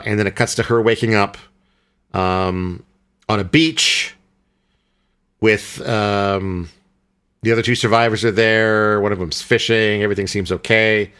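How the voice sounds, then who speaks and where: A man's voice: on the low side, fairly bright tone, clear, resonant tone. A young adult man co-hosting a podcast, talking casually about a film and often stopping to search for words with fillers and restarts. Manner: rambling, hesitant with many fillers and restarts. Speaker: podcast co-host.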